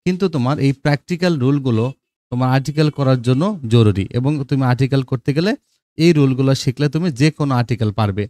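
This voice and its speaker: A man teaching a grammar lesson to students, often checking with "okay?" and reading English examples out slowly. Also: mid-range voice, mellow, no room sound, clean studio sound.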